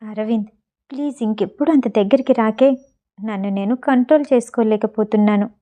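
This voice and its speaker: A woman voicing a flustered, quick-tempered young woman in an audio novel. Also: a little high, dark tone, close to an everyday voice.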